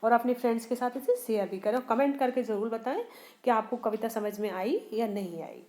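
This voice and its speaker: A woman teacher with a high voice explains a poem to her students. She rephrases each line and often restarts it. She keeps asking what a word means and then answers the question herself. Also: brisk, warm tone. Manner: repeats and rephrases lines with small restarts. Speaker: Hindi teacher.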